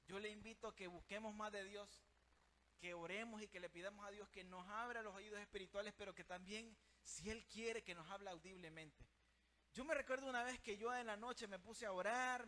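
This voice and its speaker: A man's voice: high voice, a bit bright. A man preaching a sermon with fervour, speaking straight to his listeners as brother and sister.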